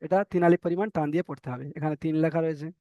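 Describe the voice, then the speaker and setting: A man with a Bengali accent gives a slow, patient lesson on the Arabic alphabet, drawing out each letter sound. His voice is clear and fairly high for a man. The recording is dry and a little muffled. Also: steady tone, mellow, dry recording. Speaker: Quran reading teacher.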